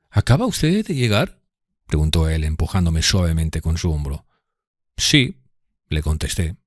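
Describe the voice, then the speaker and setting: Brief: low-voiced man reading a novel aloud, expressive and measured, dry close-mic studio read. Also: no echo. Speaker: audiobook narrator. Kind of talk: scripted audiobook narration.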